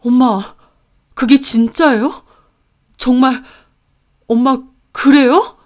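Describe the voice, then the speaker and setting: A woman's voice: high voice, slow, a little mellow, voice pushed up. A woman voicing an adult man, a defensive older brother who answers in brusque, dismissive retorts. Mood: shocked.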